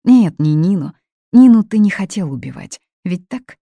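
A woman's voice: medium pitch, expressive, normal speed, mellow, no echo, studio quality, voice pushed up, close to an everyday voice. A woman doing a cold, blunt young woman. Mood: cold, firm. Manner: hard, cutting. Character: blunt, fearless young woman confronting a family.

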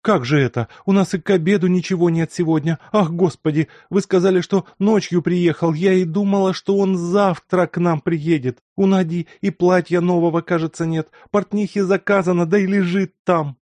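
A man's voice: high voice, steady tone, normal speed, few pauses, a little mellow, no echo, pitched above the performer's own voice, close to an everyday voice. A man voicing a flustered middle-aged lady of the house, exclaiming in a rush.

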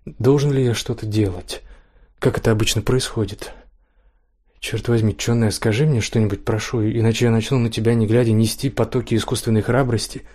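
A man reading an intimate first-person story aloud in a quiet, hushed way. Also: fairly low pitch, fairly even intonation, fairly quick.

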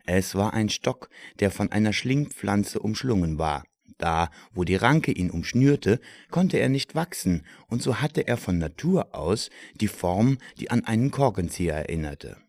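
Deep gravelly guy reading a story, lively, dry close mic. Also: a little slow, hardly any pauses, dry recording. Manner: expressive storytelling. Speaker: audiobook narrator. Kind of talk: scripted narration.

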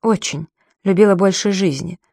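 A woman reading an audiobook, voicing a scornful, cold-hearted woman breaking off an affair, sharp and mocking. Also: medium pitch, moderate pace, dry recording, clean studio sound, lightly acted. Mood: bitter. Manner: sharp and mocking, then falsely sweet.

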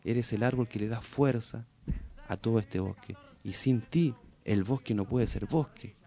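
A man voicing a majestic sacred condor in a spoken folk tale. It gives gentle, firm counsel in a soft, dark voice. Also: medium pitch, measured pace, natural voice. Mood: wise.

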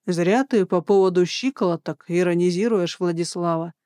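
A narrator voicing a bold, flirtatious male army major in an audiobook, low and teasing. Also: moderate pace, mellow, clean tone, no room sound, clean studio sound, lightly acted. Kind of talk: audiobook dialogue.

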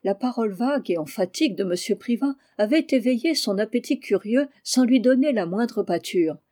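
An audiobook reader narrating a classic novel in a measured, even literary reading. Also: medium pitch.

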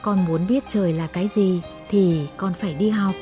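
A woman's voice: medium pitch, steady tone, moderate pace, warm tone, faint music behind, voice pushed down, natural voice. Woman voicing a stern mother frog. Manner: firm and admonishing.

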